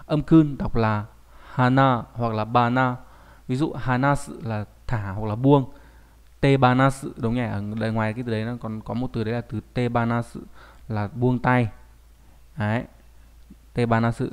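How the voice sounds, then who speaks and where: A man's voice: mid-range voice, darkish tone, smooth. Guy teaching kanji online, patient, keeps asking right? right?. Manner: explains patiently, often checking in with tag questions. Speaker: Japanese language teacher.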